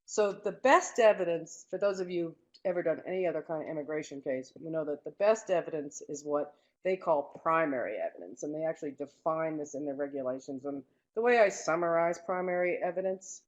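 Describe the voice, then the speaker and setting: A woman's voice: sits low, expressive, a little fast, muffled recording. A woman presenting a webinar lecture through a headset microphone, explaining step by step while her audio keeps breaking up over the online call. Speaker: legal trainer presenting a webinar.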